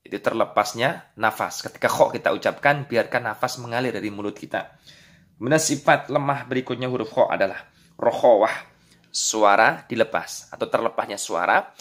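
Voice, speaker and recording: A man with an Indonesian accent and a mid-range, slightly bright voice teaches Quran letter pronunciation at a moderate pace. He explains patiently, then drills syllables aloud in a slow instructional lesson.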